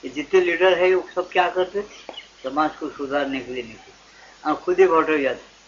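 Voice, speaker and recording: A man's voice: a little high, moderate pace. An older Indian man giving a devotional discourse to a gathering. He keeps asking his listeners questions and acts out little back-and-forth dialogues. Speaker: spiritual teacher. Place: satsang gathering hall. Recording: dull lo-fi archival tape with faint hiss.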